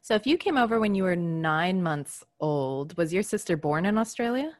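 A woman's voice: lowish voice, animated, moderate pace, no echo, studio quality. A woman from the United States hosting a podcast interview, asking friendly questions. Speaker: podcast host.

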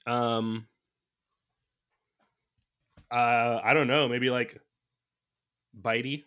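Bright-voiced man musing over his notes. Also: medium pitch, steady tone, extremely slow, smooth. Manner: thinks aloud, working through notes; laughs often while talking. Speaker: podcast co-host. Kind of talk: casual movie discussion.

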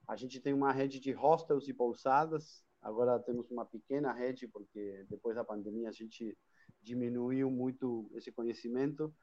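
The guest, an Argentine hostel chain owner, speaks Spanish with an Argentine accent at a moderate pace. His medium-pitched voice is steady and dark, the sound is lo-fi, and he's talkative in this live online interview, with many restarts and tag questions.

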